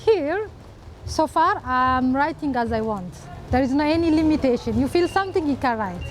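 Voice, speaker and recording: A woman with a high voice speaks in an interview. Her English is halting and she restarts her phrases. Faint noise sits behind her. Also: lively intonation. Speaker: asylum seeker and writer. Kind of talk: testimony interview.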